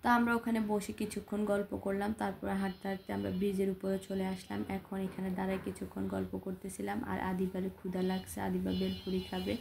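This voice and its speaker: A woman's voice: medium pitch, completely flat delivery, fairly quick, creaky, few pauses, a little mellow, a little hiss or hum. A woman from Bangladesh narrating her family outing as a vlog voice-over, in a plain conversational storytelling way. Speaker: vlogger.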